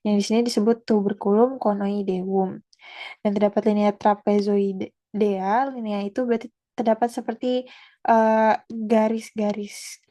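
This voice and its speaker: A woman's voice: medium pitch, fairly even intonation, warm tone. Young woman giving an anatomy talk. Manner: halting, with fillers and self-corrections. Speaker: student presenter. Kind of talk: anatomy presentation.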